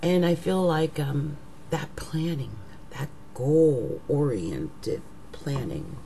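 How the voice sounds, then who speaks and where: In poor audio picked up by a desk webcam, a middle-aged woman who works as an astrologer delivers an unhurried, musing monologue from her living room. Her voice is raggedy, low and mellow with a gravelly edge, frequently fading into near-whispers over a faint background hum.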